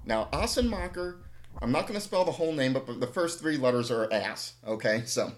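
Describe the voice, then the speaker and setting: A man's voice: mid-range voice, animated, fairly quick. A man casually telling rambling, humorous anecdotes with a self-deprecating touch. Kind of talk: casual chat, storytelling. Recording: echoey room.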